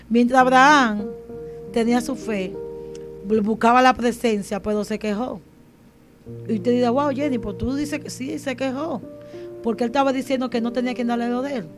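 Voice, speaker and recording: A woman preacher delivering a sermon and then a fervent, building prayer. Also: on the high side. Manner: fervent, builds to loud intercession.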